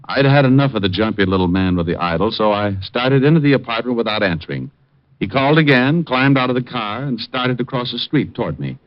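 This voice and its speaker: Here the narrator is a male actor voicing a dry, laconic, wisecracking private eye from a 1950s radio drama. Mid-range and animated, he talks a little fast with a lightly acted touch, and music plays on the muffled old recording.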